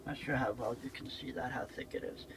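A vlogger gives a casual, unscripted tour of his motorhome's small bathroom, rambling and repeating himself. His medium-pitched voice is brisk, a bit bright, and whispered with vocal fry. The low-quality audio comes from a handheld camera or phone that he holds himself.

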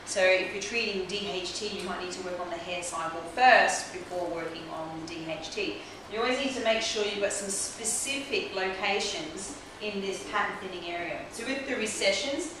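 A woman in her forties, a trichologist, explains a technique step by step while working on a client in a small clinic room, recorded by a camera mic across the room. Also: medium pitch. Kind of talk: hands-on instructional demonstration. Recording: roomy echo from a distant camera mic, clear background hiss.

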